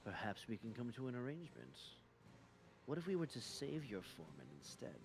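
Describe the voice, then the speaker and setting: A man playing a cool, threatening adventurer in a tabletop game, speaking in a measured, deliberate way. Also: medium pitch, very animated. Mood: calm negotiating. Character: cool, threatening male adventurer, offering bargains. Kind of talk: in-character tabletop role-play.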